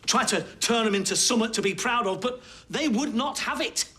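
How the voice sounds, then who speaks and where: Bitter Northern English husband, calm turning angry. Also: male voice, extremely high pitch, normal speed. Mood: scornful defensive. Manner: calm denials turning into angry, scornful outbursts. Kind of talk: TV soap courtroom acting.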